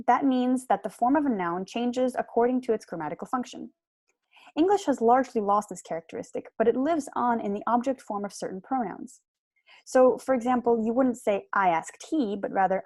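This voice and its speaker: The voice is fairly high and a little mellow, with no echo: a young woman, a PhD student, presenting a prepared seminar lecture. She speaks in an articulate, explanatory way, recorded on a computer mic in a small room at home.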